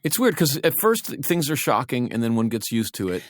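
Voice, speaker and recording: A man co-hosting a podcast, telling a story in a casual, animated and self-mocking way, laughing often. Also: medium pitch, a little fast, no room sound, clean studio sound. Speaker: podcast co-host and actor.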